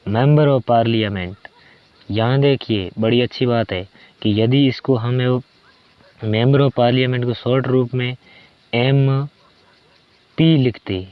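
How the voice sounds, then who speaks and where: A man's voice: mid-range voice, clear, resonant tone, no echo. A man teaching an English grammar lesson in Hindi, stretching out each example word as he explains it. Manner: slow and deliberate, drawn-out example words. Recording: dry, dull lo-fi sound.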